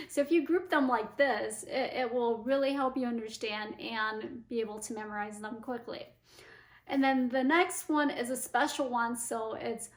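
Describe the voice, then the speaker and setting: Woman language teacher, very slow drilled syllables, high bright voice. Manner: drawn-out drilled syllables, patient explaining. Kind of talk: slow pinyin pronunciation lesson.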